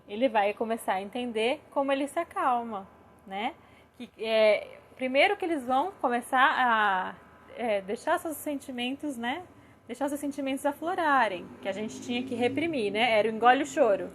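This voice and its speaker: A young adult woman with a Brazilian Portuguese accent, gently explaining parenting ideas in a casual live talk, often checking in with "né?". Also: a little high, lively intonation, normal speed, a little hiss or hum. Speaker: parenting educator.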